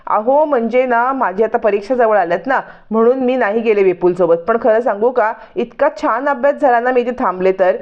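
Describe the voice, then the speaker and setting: A woman's voice: a little high, brisk, hardly any pauses, lo-fi sound, natural voice. A woman voicing a cunning young woman who talks smugly and reassures. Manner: smug, reassuring.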